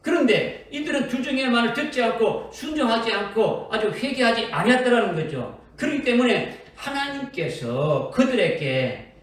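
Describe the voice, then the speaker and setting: A man preaching a sermon in a church sanctuary, his voice high and swinging widely up and down. He keeps quizzing the congregation and checking they follow. He is heard from a distance, with heavy echo from the hall. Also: very animated, moderate pace. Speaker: pastor. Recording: echoey, from far off in a church hall.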